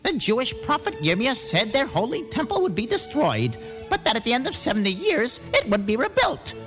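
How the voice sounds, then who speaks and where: A man's voice: wildly swooping pitch, fairly quick, over music, heavily acted. An actor voicing an anxious, easily frightened male king who frets and stammers. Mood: fretful. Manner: fretful, stammering, shrill.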